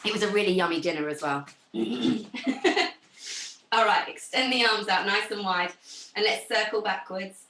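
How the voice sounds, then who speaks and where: A young woman teaching a pilates class over a video call, giving gentle, encouraging cues. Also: medium pitch, moderate pace, far from the mic, slight background noise. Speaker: pilates instructor. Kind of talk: guided exercise class instruction. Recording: roomy sound from off the mic.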